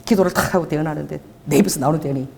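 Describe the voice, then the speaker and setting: A woman's voice: low voice, very fast, creaky. A middle-aged woman pastor preaching a sermon, telling stories and acting out the voices in them. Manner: lively, storytelling, acts out voices in stories. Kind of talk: sermon with storytelling.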